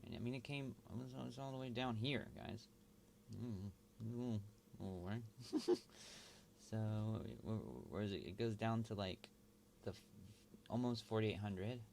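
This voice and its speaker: A man thinking aloud while he works, mumbling and halting as he talks to himself. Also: on the low side, expressive, gravelly, darkish tone, slight background noise. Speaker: video host.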